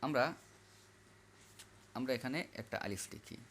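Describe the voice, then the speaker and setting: A man's voice: medium pitch, a little slow, fairly bright tone, a little hiss or hum. Guy teaching arabic letters for quran, says each one over and over, medium voice. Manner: repetitive, drills letters aloud. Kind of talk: slow classroom instruction.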